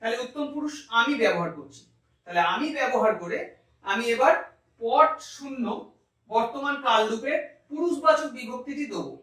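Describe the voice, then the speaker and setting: Man, teacher, very high voice, methodical grammar lesson, drawn-out words, heavy room echo. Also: pushed and bright. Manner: methodical, drawing out words slowly to model pronunciation. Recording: very echoey room, mic far off.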